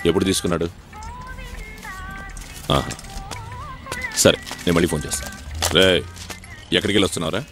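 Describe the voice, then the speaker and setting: A man's voice: sits low, fairly even intonation, fairly quick, long pauses, over music. A man playing a curt, stern father in dubbed film dialogue.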